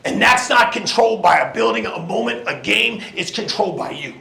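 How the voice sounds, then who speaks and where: A man delivers an impassioned locker-room style pep speech like a preaching coach. His voice sits high and is gravelly and forceful. He stacks emphatic, repeated phrases to drive each point into the team. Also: lively intonation, a little fast. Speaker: motivational coach, guest speaker. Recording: echoey room.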